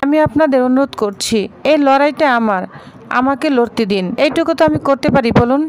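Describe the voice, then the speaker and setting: A woman's voice: high voice, fairly quick, slight background noise, lightly acted. A woman voicing a determined young woman who firmly and earnestly defends her honor. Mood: firm, pleading.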